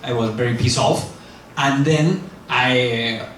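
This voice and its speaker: A slow, slightly bright mid-range male voice belongs to a middle-aged guest speaker at a university, not a native English speaker. His casual lecture and Q&A ramble along with fillers and self-corrections, and his humor is blunt and self-mocking. Heavy echo from a large hall, a distant mic, and faint hiss mark the recording.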